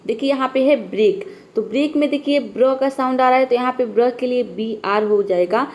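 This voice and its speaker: Lady teacher explaining spelling rules, slightly high voice, patient, keeps saying theek hai. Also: a little fast, a little mellow. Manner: patient, repeats "ठीक है" and "देखिए" often. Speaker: English teacher. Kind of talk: classroom spelling lesson.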